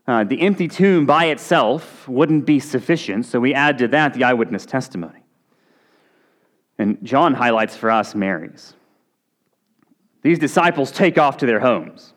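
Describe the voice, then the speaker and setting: A man preaching a conversational sermon, now and then acting out short quotes. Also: medium pitch. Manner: conversational, with brief acted-out quotes. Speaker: pastor.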